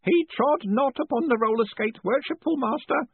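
A man voicing a fussy, eager old male postman who keeps calling people sir in a hoarse whisper. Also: very high voice, moderate pace, narrow, tinny audio, voice pushed up, heavily acted. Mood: proud.

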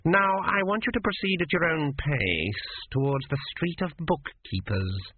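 A man's voice: fairly high pitch, animated, a little slow, breathy edge, no echo, pitched above the performer's own voice. A man voicing a stern old male assassin examiner who snaps curt, cold questions. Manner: curt, snapping, icy. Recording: tinny phone-like sound.

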